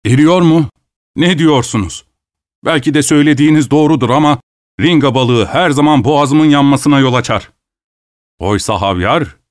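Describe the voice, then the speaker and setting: A man's voice: medium pitch, normal speed, no echo, clean studio sound, natural voice. A man voicing a greedy, tactless male dinner guest with a boisterous, self-satisfied manner. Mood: smug.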